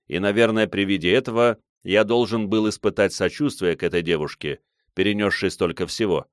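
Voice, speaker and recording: A man giving expressive first-person audiobook narration. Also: lowish voice, brisk, no room sound, clean studio sound.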